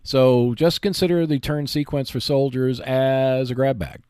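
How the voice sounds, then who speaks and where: The host of a tabletop gaming show gives instructional tips on board wargaming, explaining in an emphatic, reassuring way. His mid-range voice is dark, smooth and steady, and he speaks unhurriedly. The studio sound is clean with no echo.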